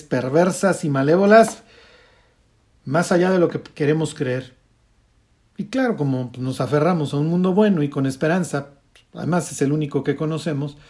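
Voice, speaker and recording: Male Bible teacher, raised pitch, warm mellow tone, explains scripture in a conversational way with frequent check-ins. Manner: keeps checking in with a questioning "ok?"; explains scripture, then comments on it pointedly.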